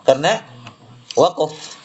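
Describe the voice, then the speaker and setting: A man teaching tajwid, explaining slowly, repeating words and reciting examples for students to echo. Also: on the high side, lively intonation, a little mellow, lo-fi sound.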